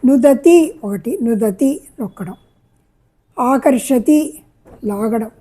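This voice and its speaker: A woman teaches Sanskrit in a high, mellow voice with a husky edge. She repeats each phrase and glosses it patiently, as in a calm classroom lesson. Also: slow pace. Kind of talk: slow spoken language lesson, explaining Sanskrit phrases in Telugu.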